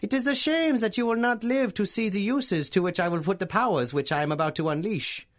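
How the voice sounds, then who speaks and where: In a 1930s-style radio adventure serial, an actor plays a pompous, fanatical German professor villain with a German accent, gloating theatrically and drawing out his emphasis. The male voice is high-pitched and natural, and the mood is vengeful and triumphant.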